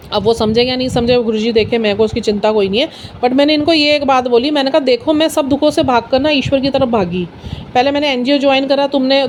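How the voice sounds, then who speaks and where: High-voiced earnest woman. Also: darkish tone, a little hiss or hum. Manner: earnest, personal, mixes English phrases. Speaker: satsang speaker. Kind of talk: casual spiritual talk.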